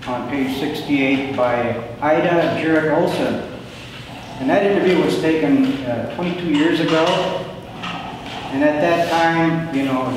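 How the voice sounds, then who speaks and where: An older man giving a prepared talk of family history to an audience, in a plain, measured storytelling way with pauses. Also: medium pitch. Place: large echoing indoor hall. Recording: very echoey hall, distant mic, background noise.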